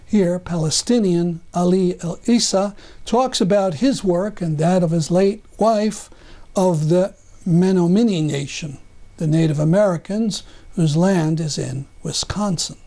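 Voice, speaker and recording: Slow, mellow-voiced male newsreader. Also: sits high. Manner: measured, wry asides. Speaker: news presenter. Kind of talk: scripted news narration.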